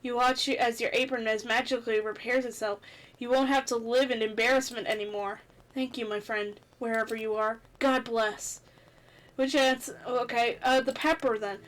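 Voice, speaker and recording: A woman with a high voice hosts a gaming video. She reads the on-screen story aloud expressively and drops in casual remarks of her own. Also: moderate pace, low-quality recording. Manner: theatrical, expressive. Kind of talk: reading game dialogue aloud with commentary.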